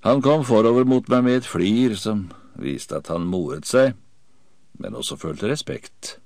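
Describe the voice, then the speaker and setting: Male audiobook narrator, deep voice, dramatic first-person reading, dry close sound. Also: lively intonation, darkish tone, no echo.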